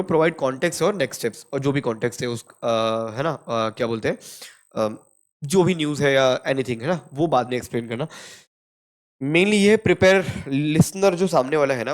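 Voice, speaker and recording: A man with an Indian accent teaching spoken English in a casual, chatty lesson, mixing Hindi and English and tagging "ठीक है" onto nearly every phrase. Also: fairly high pitch. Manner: fillers "ठीक है" after almost every phrase; chatty, addresses viewers as brother.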